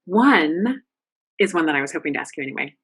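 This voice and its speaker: A woman's voice: low voice, big pitch swings, fairly quick, fairly bright tone, slightly rough. A woman moderating an online Q&A session over a video call, asking questions in a friendly, inviting way. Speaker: host.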